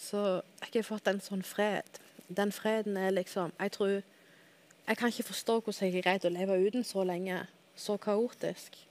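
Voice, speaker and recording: A woman's voice: medium pitch, fairly even intonation, darkish tone. A woman guest telling a personal faith testimony in a candid, earnest way, often checking in with the host. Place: television studio.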